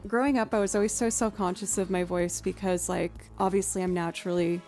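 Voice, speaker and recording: A young woman, a streamer and musician, chats casually on her livestream and thinks out loud, filling her talk with lots of ums and likes. Her naturally low voice is soft and warm, her intonation fairly even, and her pace fairly quick, with faint music underneath.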